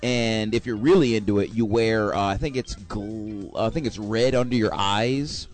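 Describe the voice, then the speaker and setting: A young man telling a rambling, animated anecdote, correcting himself as he goes. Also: fairly low pitch, moderate pace, faint music behind. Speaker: storyteller. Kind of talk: casual anecdote.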